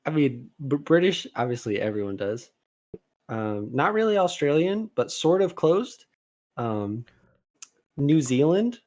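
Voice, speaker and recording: A young man co-hosting a podcast in casual chat, talking in rambling, animated bursts full of restarts. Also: fairly high pitch, measured pace. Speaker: podcast co-host.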